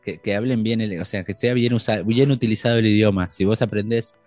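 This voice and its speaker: A man co-hosting a casual tech podcast, talking with many restarts and fillers and reading news quotes quickly. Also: on the low side, steady tone, a little mellow, faint music behind. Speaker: podcast co-host.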